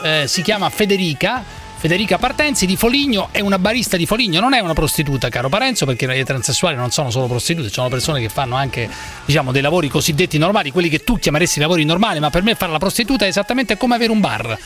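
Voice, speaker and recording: A man hosting a talk radio show in a studio, blunt and brash with quick-fire questions. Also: fairly high pitch, expressive, fairly bright tone, faint music behind. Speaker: radio host.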